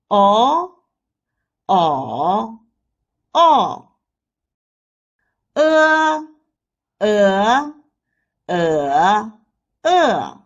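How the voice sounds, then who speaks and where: A woman gives a scripted language lesson at a very slow, careful pace. Her voice is soft and breathy, and her pitch swings widely as she demonstrates sounds in drills. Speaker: Chinese language teacher.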